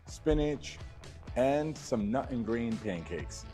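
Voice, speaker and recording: A man's voice: mid-range voice, sing-song, slow pace, mellow, faint music behind. A man narrating a bodybuilding vlog in a matter-of-fact way, with his audio heard in the left ear only. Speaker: bodybuilding vlogger. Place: played from a video inside a livestream.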